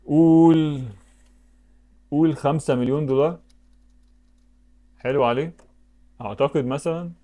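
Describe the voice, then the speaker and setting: A man's voice: medium pitch, fairly quick, long pauses, warm tone. A man with an Egyptian Arabic accent giving casual commentary while playing web games, thinking aloud and breaking into sudden exclamations. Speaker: YouTuber.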